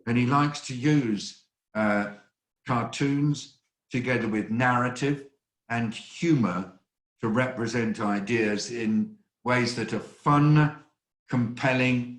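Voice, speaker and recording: Older guy hosting an online briefing, lowish voice, measured and earnest, lots of uhs, roomy echo on the call. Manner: measured, earnest, with frequent hesitations. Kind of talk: spoken briefing remarks. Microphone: video call.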